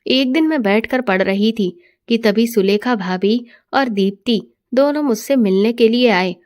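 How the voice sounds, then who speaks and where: A woman narrating a first-person family story in a steady, expressive storytelling manner. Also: a little high, measured pace.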